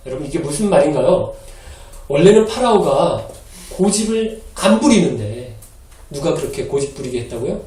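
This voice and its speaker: A man preaching a Sunday sermon as pastor, animated and acting out quoted lines in a changed voice. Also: on the high side, normal speed. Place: church hall. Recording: echoey hall, mic from a distance.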